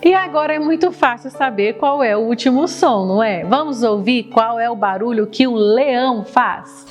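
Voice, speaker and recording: A high-pitched Brazilian woman leads a children's storytime over background music. She talks as if reading to a toddler, in sing-song phrases with little questions and diminutives. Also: moderate pace. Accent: Brazilian Portuguese. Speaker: children's Bible story teacher.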